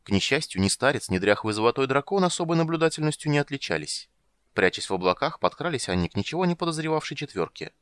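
A man narrating a fantasy audiobook in an expressive, animated reading. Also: mid-range voice, fast talker, clear, resonant tone, no echo.

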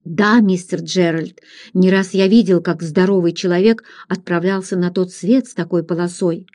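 A woman reading aloud, voicing a gruff, blunt frontier hunter who talks in a low, plain manner. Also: steady tone, normal speed, darkish tone, natural voice.

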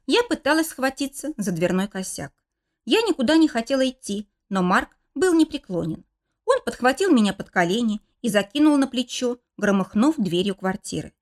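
Expressive woman narrating a novel. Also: on the high side, moderate pace. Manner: expressive, lively storytelling. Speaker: audiobook narrator. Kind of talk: first-person novel narration.

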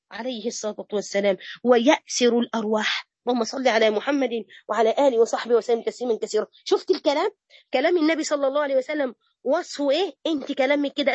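Egyptian lady teaching a religious class, high voice, dry close sound, chatty and lively. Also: dry recording, lo-fi sound. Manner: lively, mixes classical phrases with colloquial chat. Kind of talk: religious lesson to women.

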